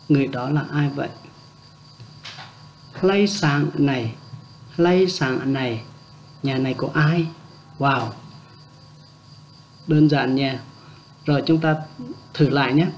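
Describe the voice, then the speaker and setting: A man teaching a language lesson, hesitant with many filler sounds, repeating example words slowly. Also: mid-range voice. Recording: dull lo-fi recording with faint background hum.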